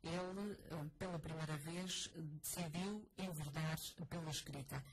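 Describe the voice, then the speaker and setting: A woman with a European Portuguese accent, hosting a radio interview and announcing an event formally. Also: deep voice. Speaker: radio host. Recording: noisy radio broadcast.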